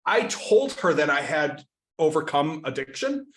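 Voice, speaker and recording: A man with a slightly raised pitch speaks earnestly in a casual podcast conversation. He tells personal stories with animated energy. The room around him is noticeably echoey. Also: a little slow. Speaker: podcast guest, business founder.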